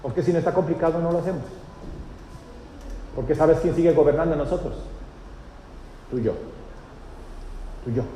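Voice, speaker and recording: A man's voice: on the high side, normal speed, long pauses, warm tone. A male pastor, teaching a sermon and often checking with the congregation. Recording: echoey church hall, faint noise.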